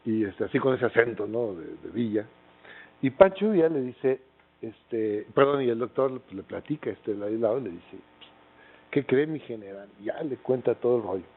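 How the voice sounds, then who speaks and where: A man's voice: medium pitch, lively intonation, moderate pace, slightly rough. A middle-aged Mexican man with a Mexican accent giving a lecture as a casual storyteller, with lots of fillers and tag questions. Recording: tinny phone-like lecture recording.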